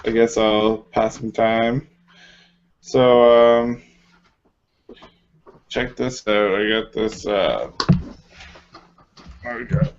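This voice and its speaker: A man's voice: on the low side, big pitch swings, extremely slow, gravelly, long pauses, slight background noise. A man co-hosting a casual podcast, easygoing and saying "like" a lot. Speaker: podcast co-host. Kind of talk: casual chat. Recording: dull lo-fi home recording.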